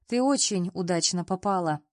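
A woman reading the part of a teasing, easygoing young male boss in an audiobook, playful and then softly apologetic. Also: lowish voice, moderate pace, dry recording, clean studio sound, natural voice.

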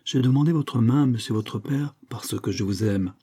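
A man's voice: mid-range voice, normal speed, warm tone, close to an everyday voice. A man reading as a suave aristocratic suitor. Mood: courtly. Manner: smooth, courtly, composed. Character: suave aristocratic suitor, calm, insistent, proud. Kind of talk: audiobook reading.

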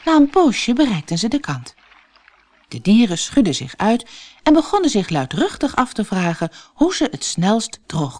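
Lively Dutch woman reading a storybook. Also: medium pitch. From Netherlands. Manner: lively, expressive narration.

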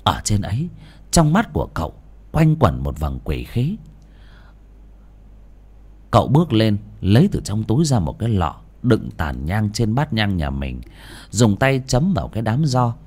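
Male storyteller, lowish voice, dramatic swings, ghost tale reading. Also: huge pitch swings, a little slow, a little mellow, slightly rough. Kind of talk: scripted ghost story narration.

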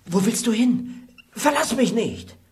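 An actor playing a miller locked in a dungeon in a radio play, pleading and flaring into anger. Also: male voice, fairly low pitch, sing-song, normal speed, sharp tone, reverberant, far from the mic, full character voice. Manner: pleading, then angry outbursts. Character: imprisoned miller, grieving and hot-tempered.

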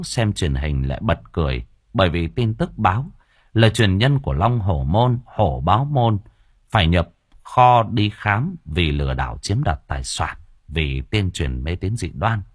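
A man's voice: deep voice, big pitch swings, moderate pace, no echo. A man narrating a comic story as an audiobook reader, close to the mic.

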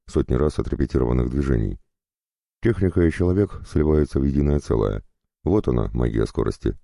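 A man's voice: a bass voice, gravelly, warm tone, dry recording, clean studio sound. A man reading a first-person story aloud as a scripted audiobook narration.

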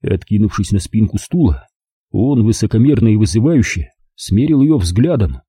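Dark, husky male narrator, lively dramatic read, dry close mic. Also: lowish voice, normal speed, dry recording. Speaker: audiobook narrator.

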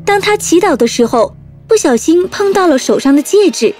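Lady reading a kids story, expressive, high voice that goes up and down, music on. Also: normal speed. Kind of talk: scripted children's story narration.

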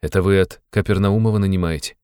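A man's voice: low voice, steady tone, fast talker, darkish tone, clean tone, dry recording, clean studio sound, lightly acted. A man voicing a brooding young man who talks in a sullen, clipped, abrupt way. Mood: gloomy.

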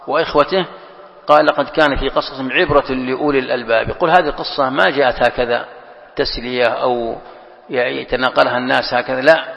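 A man leads a classroom scripture lesson, working through each verse by repeating and explaining it. His voice is gravelly and mid-pitched. It carries a long reverb from a large hall, and the recording sounds dull and lo-fi. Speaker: sheikh teaching Quran commentary.

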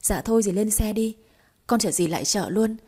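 Female narrator plays sincere young man, warm and soft-spoken. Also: medium pitch, normal speed, breathy edge, lightly acted. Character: young man, earnest and polite, a motorbike driver.

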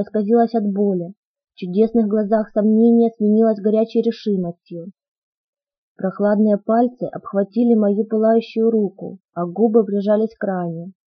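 A woman's voice: medium pitch, slightly rough, dry recording, muffled recording. A woman narrating an audiobook in a dramatic first-person storytelling manner.

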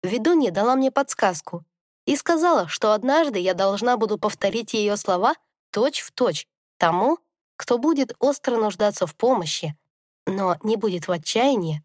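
A woman voicing a wise old she-wolf grandmother who speaks in a knowing, gently teasing way in an audiobook. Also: mid-range voice, expressive, moderate pace, dry recording, clean studio sound, natural voice. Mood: wry.

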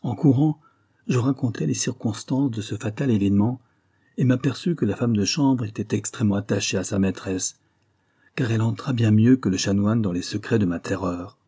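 Low husky man reading a classic novella. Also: warm tone. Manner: measured, literary reading. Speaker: audiobook reader. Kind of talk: scripted audiobook narration.

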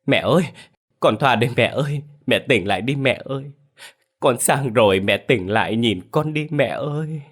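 A man's voice: medium pitch, big pitch swings, quick pace, fairly bright tone, slightly rough, pitched above the performer's own voice. A man voicing a grief-stricken grown daughter who sobs and pleads for her dead mother. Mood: wailing grief. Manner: sobbing, pleading cries.

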